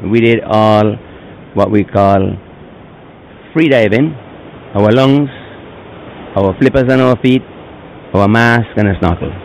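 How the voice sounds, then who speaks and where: Older man, retired diver turned sanctuary keeper; slow storytelling, voice jumps high at times. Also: darkish tone, a little hiss or hum, low-quality recording. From Bequia, Saint Vincent and the Grenadines. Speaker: turtle sanctuary keeper, interviewee. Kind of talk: interview answers.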